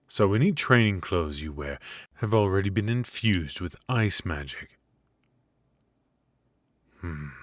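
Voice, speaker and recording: Speaking low with no echo, a man performs the role of an icy, exacting royal magic professor for an ASMR roleplay, his delivery curt and severe and his comments dry and condescending.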